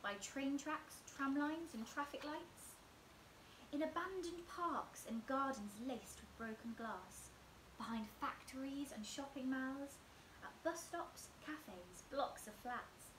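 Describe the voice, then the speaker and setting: A woman in her twenties reads a picture book aloud as a bedtime story, slow and expressive, often sinking to near whispers. Her voice is high-pitched, and the camera in front of her in a small room at home picks up reverb and background noise.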